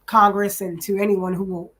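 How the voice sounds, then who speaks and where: Woman, 40s, from New Jersey, relaxed chatty interview guest, lots of ums. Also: mid-range voice, moderate pace. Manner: chatty, many ums, says "literally" often. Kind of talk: casual interview self-introduction.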